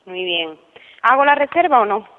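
This woman is a hotel receptionist taking a customer's call, and she keeps things firm and matter-of-fact. Her pitch is on the high side with a sing-song lilt at normal speed, heard through a muffled telephone connection.

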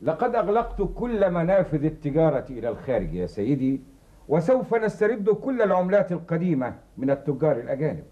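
An actor playing a deferential, obsequious official in charge of the mint. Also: male voice, fairly high pitch, big pitch swings, fast, muffled recording. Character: smooth, deferential master of the mint.

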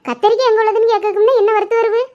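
A woman's voice: very high voice, flat delivery, very fast, a little mellow, slight background noise. A woman performing a one-woman comedy sketch, switching between a scolding mother, a whiny girl and a friend. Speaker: comedy sketch creator playing all the parts.

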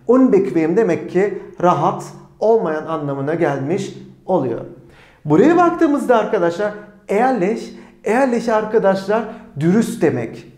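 Male teacher, slow and patient, high and lively pitch, repeats each word in drills. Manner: drills each word twice, asks and answers his own questions. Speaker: German language teacher. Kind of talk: slow, repetitive language lesson. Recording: echoey room.

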